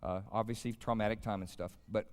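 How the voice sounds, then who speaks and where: This American man in his fifties has a fairly low, clear and resonant voice with fairly even intonation, speaking a little fast. As a guest pastor, he gives a folksy, colloquial chapel sermon, telling stories and questioning the audience. The large indoor space rings with long reverb.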